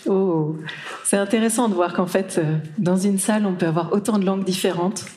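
A woman's voice: mid-range voice, brisk, dark tone. A woman from Brittany giving a live conference talk in a hall, chatty, with many fillers and restarts. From Brittany, France. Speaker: conference speaker.

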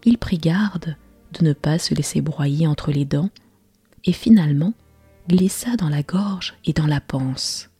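A woman storyteller narrating a bedtime fairy tale as a whispered role-play, slow and hushed. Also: low-pitched, breathy edge, no room sound, soft background music.

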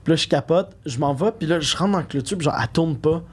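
Animated young Québécois man telling stories. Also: on the high side, fast talker, husky. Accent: Québécois French. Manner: animated, slangy, full of fillers. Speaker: podcast guest. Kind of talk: casual storytelling chat.

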